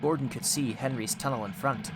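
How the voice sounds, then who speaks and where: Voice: medium pitch, brisk, noisy background. A storyteller reading a children's audiobook in a scripted narration style.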